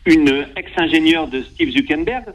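A man's voice: on the high side, moderate pace, dull audio. A middle-aged man, a doctor, giving an ironic spoken radio column in long sentences.

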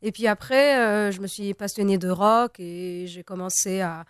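A young woman from Tunisia, a native Arabic speaker, talks through an interview as a singer, pausing often and restarting her sentences. Her voice is smooth and resonant, recorded close and dry. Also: mid-range voice, no room sound. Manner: hesitant, many fillers and restarts. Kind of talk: interview conversation.

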